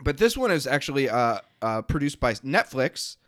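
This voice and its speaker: A man co-hosting a film podcast in a relaxed, agreeable way, laughing easily. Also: medium pitch, moderate pace, dry recording, clean studio sound. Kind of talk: casual film chat.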